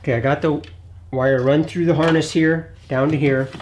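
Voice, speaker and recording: A middle-aged man hosting a hands-on repair tutorial in his home garage, talking in a relaxed, plainspoken way as he works on an engine bay. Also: a little high, normal speed, slight background noise. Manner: relaxed, plainspoken, thinks aloud while working. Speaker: DIY auto repair channel host.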